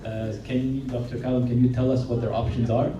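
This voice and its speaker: A man's voice: medium pitch, level tone, fast talker, highs cut off, a crowd in the background. Man moderating in an echoey room. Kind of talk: informal moderating of audience questions. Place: room with audience. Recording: echoey room, distant mic, audience murmur.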